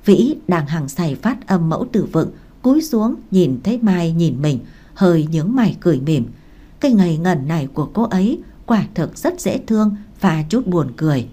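A woman's voice: fairly low pitch, sing-song, normal speed, mellow, husky. Woman narrating a romance audiobook.

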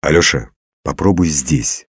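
A composed older scientist speaks calmly and steadily, giving brief instructions in a very deep voice, as a male reader gives him lines. The recording is dry and close. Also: unhurried, breathy edge, dry recording, full character voice. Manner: calm, even, instructive.

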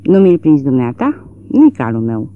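A woman voicing a weary male horse trader whose hoarse voice stays calm and even. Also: medium pitch, no room sound, narrow, tinny audio. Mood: flat, calm.

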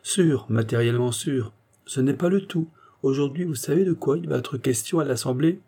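A man's voice: mid-range voice, moderate pace, warm tone, slightly rough, voice pushed up. A man reading the part of a proud, fiery middle-aged statesman in an audiobook, speaking in an impassioned, declamatory way.

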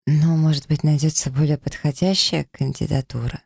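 A man reading a romance audiobook, voicing an emotional young woman in love with a raised pitch and a breathless, pleading manner. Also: flat delivery, normal speed, gravelly, a little mellow, husky, dry recording, clean studio sound. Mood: tender.

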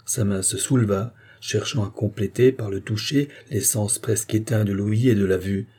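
A male audiobook reader giving a measured, even narration of a novel. His voice is low and mellow, with a husky edge.

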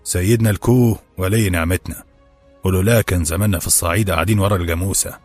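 A man's voice: low-pitched, steady tone, quick pace, a little mellow, soft background music. A man voicing a nervous, pious older servant with an Egyptian accent, fawning toward his master. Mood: agitated. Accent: Egyptian Arabic.

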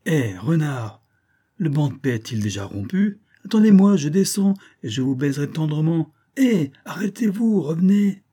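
A man voicing a small, mocking female titmouse in a storybook reading, with a high, shrill and teasing voice. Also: lively intonation, normal speed, mellow, breathy edge. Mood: taunting.

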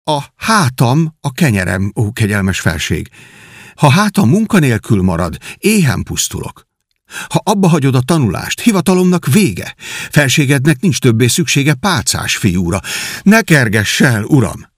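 A man's voice: mid-range voice, sing-song, husky, no room sound, studio quality, voice pushed up. A man voicing a humble, devoted young whipping boy who speaks in an earnest, imploring way. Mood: pleading.

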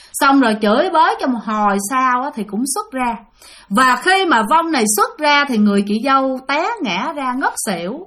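A woman's voice: fairly high pitch, a bit bright. A woman with a Southern Vietnamese accent telling a ghost story in a chatty, casual way, often addressing her listeners directly.

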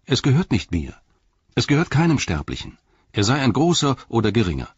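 A man doing an earnest young hobbit with a raised, lifted voice, proud and guarded under pressure. The tone is husky, and the storybook recording sounds dull and lo-fi. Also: mid-range voice, wildly swooping pitch, fairly quick, no room sound, pitched above the performer's own voice. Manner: earnest, defensive.

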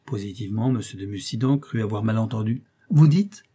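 A man narrating a classic novel as an audiobook, in a measured, low-key storytelling voice. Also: steady tone, warm tone, slightly rough.

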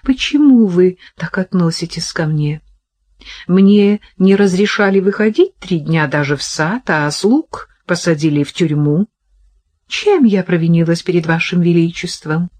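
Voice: measured pace, a little mellow, lightly acted. Reader voicing a defiant scheming sultan's wife. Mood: soft pleading. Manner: pleading, then shrill and defiant. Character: scheming, desperate sultan's wife, middle-aged.

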